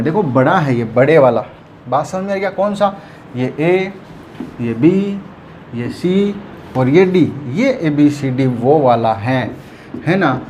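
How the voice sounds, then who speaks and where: A man's voice: a little high, a little mellow, slight background noise. A man teaching a math lesson, counting aloud patiently and checking often that his students follow.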